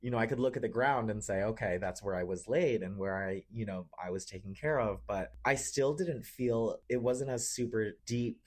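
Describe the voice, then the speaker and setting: Young male guest, lowish voice, relaxed and chatty, filler-heavy. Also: moderate pace, few pauses. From Cambodia. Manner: relaxed, frequent fillers, laughs easily. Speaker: interview guest, marketing manager. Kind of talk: casual interview.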